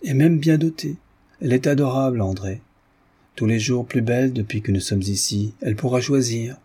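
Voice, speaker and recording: A man's voice: mid-range voice, normal speed, dark tone, husky, lightly acted. A man reading aloud and voicing a coquettish, anxious young wife who pleads tenderly with her husband. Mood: pleading. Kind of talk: audiobook reading.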